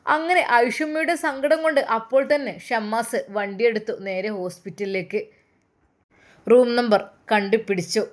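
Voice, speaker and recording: A woman's voice: on the high side, moderate pace. Malappuram woman narrating a story. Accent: Malappuram Malayalam.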